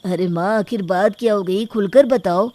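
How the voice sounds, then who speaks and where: A woman voicing a young adult son who tries to calm his mother. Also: medium pitch, normal speed, noisy background, pitched below the performer's own voice, natural voice. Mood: worried.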